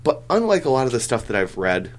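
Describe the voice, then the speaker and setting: A man's voice: mid-range voice, sing-song, quick pace, a little hiss or hum. A man hosting a casual podcast chat, rambling with lots of fillers and the odd swear. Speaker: comic book podcast host.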